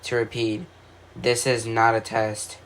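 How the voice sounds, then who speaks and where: A video creator narrates his own fictional alert scenario, reading mock emergency broadcasts in an amateur, scripted, announcer-like style and stumbling over words at times. His mid-range, slightly bright voice is completely flat and slow. Background noise is noticeable in the recording.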